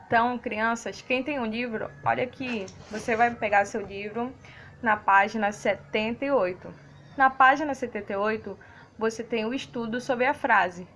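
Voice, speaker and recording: Patient and didactic, this woman teaches young children in a recorded primary school lesson, frequently asking "né, crianças?" to check on her pupils. She has a Brazilian Portuguese accent and a somewhat high, fairly bright voice, with a little hiss or hum on the recording.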